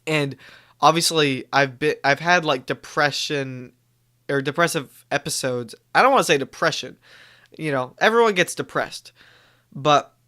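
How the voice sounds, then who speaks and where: Stuffy and coughing from a cold, this young man keeps his live-stream chat casual and upbeat. His voice is bright, smooth and slightly high, and he wanders as he talks, frequently stopping to correct what he just said.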